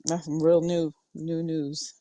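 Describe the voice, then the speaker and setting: Female podcast co-host, low voice, dry close recording, quick wry reactions. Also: flat delivery, warm tone, no room sound. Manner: short reactive interjections, wry. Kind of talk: casual chat.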